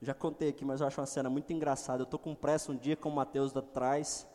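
A middle-aged pastor preaching a sermon, swinging between loud exclamations and quiet asides. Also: male voice, medium pitch, little pitch movement, fast talker. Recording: long hall reverb.

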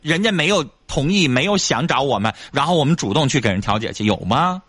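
Male advice host, blunt and lecturing, lively, slightly higher pitch, dry close sound. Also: a little fast, no room sound. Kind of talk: call-in advice counseling.

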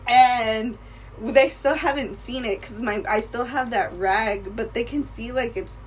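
A woman's voice: on the high side, unhurried. A young woman co-hosting a podcast, telling a story in a casual, profane way and often breaking into laughter. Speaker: podcast co-host. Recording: slightly distant mic with faint room noise.

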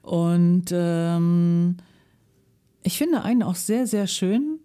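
Woman guest reader in a radio studio, warm mellow voice, lively children's-book storytelling. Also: extremely slow, clean tone. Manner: lively storytelling with shifting pitch. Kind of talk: live reading of a children's book, then chat.

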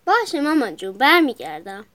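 A woman's voice: high-pitched, very animated, a bit bright, pitched above the performer's own voice. A woman voicing a sad, reluctant little boy who mumbles his answers in a children's storybook.

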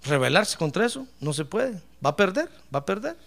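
High, bright-toned pastor; fiery sermon delivery, gravelly edge, swinging pitch. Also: male voice, very animated, a little fast. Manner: fiery preaching, shouting praise; addresses listeners as brother.

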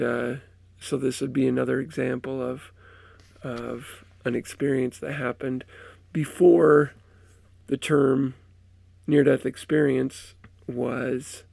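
Guy hosting a podcast, sick with a cold, gravelly husky voice, dry close sound. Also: mid-range voice, a little mellow, dry recording. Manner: halting, many fillers and restarts. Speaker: podcast host reading accounts. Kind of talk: casual intro and reading aloud.

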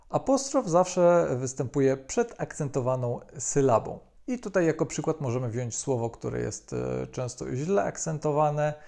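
A man calmly explaining a language topic as a video lesson, with frequent hesitation fillers. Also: medium pitch, gravelly. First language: Polish. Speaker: language teacher.

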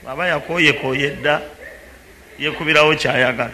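Lively preacher man, bright voice. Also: on the high side, moderate pace. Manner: lively, teasing, calls out to the congregation. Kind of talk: sermon with live interpreter. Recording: echoey hall with faint background noise.

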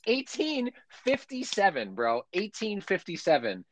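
A man's voice: sits high, wildly swooping pitch, a little slow, a bit bright, a little hiss or hum. A young man in casual podcast chat, joking, crude and slangy.

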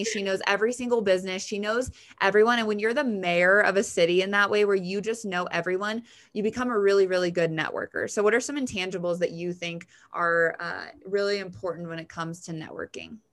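A woman's voice: mid-range voice, quick pace, hardly any pauses, a bit bright. Woman chatting casually from a bathroom. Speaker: podcast co-host. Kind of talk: casual podcast chat. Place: bathroom at home.

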